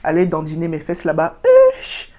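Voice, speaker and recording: A woman's voice: fairly low pitch, a little fast. A young woman from France with a French accent, telling travel stories in a chatty, casual storytime vlog and dropping in English words. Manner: chatty, animated, slangy with English words mixed in. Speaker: travel vlogger.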